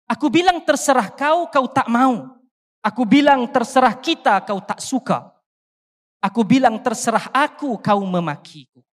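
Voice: medium pitch, expressive, a little slow. A convention panel speaker, reciting a poem with declamatory, rhetorical rises and falls before giving closing remarks. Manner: declamatory, rhetorical rise and fall. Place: large convention hall. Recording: long hall reverb.

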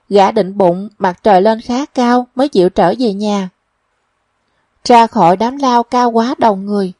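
A woman narrating a novel as a measured audiobook reading, also speaking the characters' quoted lines. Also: on the high side, a little mellow, no room sound, studio quality.

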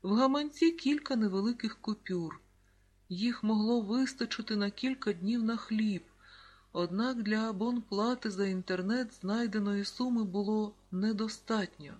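Audiobook narrator for a children's story, calm and even, mid pitch. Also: normal speed. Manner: calm, even storytelling, reading out page numbers. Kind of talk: scripted narration of a children's book.

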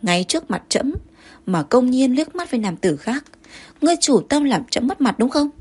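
A woman voicing a possessive, jealous male emperor who turns between commanding and coaxing, with a breathy voice. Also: sits high, sing-song, moderate pace, a little mellow, voice pushed up, full character voice. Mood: scolding.

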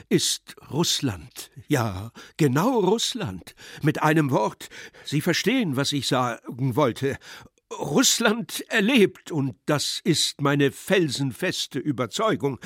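A man voicing a drunken, pompous elderly general who talks loudly and stammers. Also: medium pitch, no echo, studio quality. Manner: loud, faltering, repeats himself.

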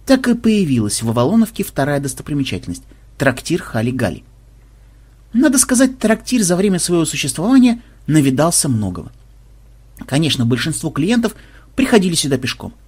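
A man narrating a fantasy audiobook in an expressive, ironic manner. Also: fairly high pitch, brisk, breathy edge.

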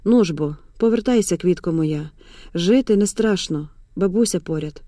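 A woman voicing a shrewd, calm old grandmother in an audiobook, speaking low and soothing. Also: moderate pace, no echo, studio quality, lightly acted.

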